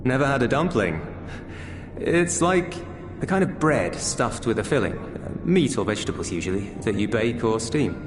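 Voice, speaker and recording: In a friendly video game cutscene, a man's medium-pitched, sing-song voice plays a reserved, kindly soldier, lightly acted and delivered at normal speed. He sounds hesitant, earnest and conversational, with background noise, a roomy echo and music beneath.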